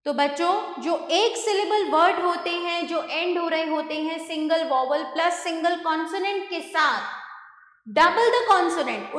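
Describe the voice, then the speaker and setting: A high-voiced Indian woman teaches English spelling rules, moving between English and Hindi as she explains. She talks very slowly and deliberately. Her voice rings in an echoey room with a long reverb tail. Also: a bit bright. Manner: explains each rule in English then restates it in Hindi. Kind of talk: grammar lesson mixing Hindi and English.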